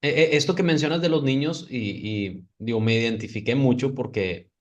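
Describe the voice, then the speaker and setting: A man's voice: mid-range voice, animated, brisk. Hesitant man hosting a podcast. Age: adult parent. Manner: hesitant, repeats words, agreeable backchannels. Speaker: podcast host. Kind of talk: conversational interview.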